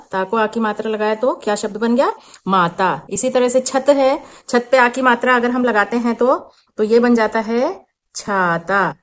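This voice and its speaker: Woman patiently explaining a children's worksheet. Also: a little high. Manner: slow, patient explaining, mixing in English words. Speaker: teacher and channel host.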